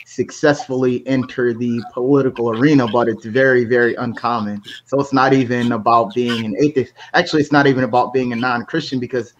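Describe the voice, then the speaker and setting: A man from the United States hosting a podcast, explaining his thoughts in a relaxed, conversational way. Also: mid-range voice, fairly quick, hardly any pauses. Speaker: podcast host. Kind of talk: casual conversation. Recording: slightly muffled with faint hiss.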